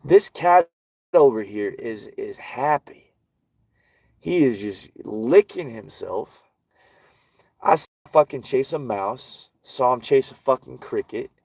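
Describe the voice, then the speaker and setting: A man's voice: mid-range voice, expressive, takes it slowly, gravelly, a little mellow, breathy edge, dry recording. A man ranting and swearing constantly while walking outdoors in a park, vlogging. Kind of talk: profane outdoor rant.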